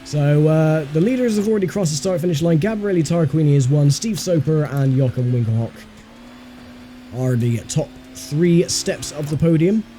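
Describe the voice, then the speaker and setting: A man's voice: a little high, moderate pace, mellow, soft background music. A man hosting a racing game video, giving casual commentary on his own driving. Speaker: sim racer and host. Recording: faint engine noise behind voice. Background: racing game car sounds.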